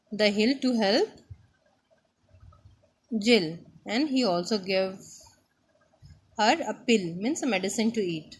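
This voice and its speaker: A woman teaches a young class, unhurried, reading short lines and explaining simple words. Her pitch sits in the middle range, and she often stops to ask "right?" before moving on. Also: breathy edge. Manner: slow, explains words and keeps asking "right?". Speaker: primary school teacher. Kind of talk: online class lesson.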